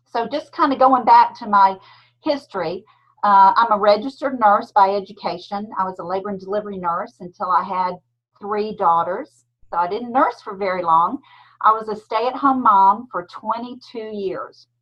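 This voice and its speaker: A woman's voice: medium pitch, normal speed. A woman in her fifties with a thick Southern Georgia accent, telling her story as a guest speaker on a video call. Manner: warm storytelling with a thick drawl. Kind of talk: casual talk on a video call. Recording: dull lo-fi call audio.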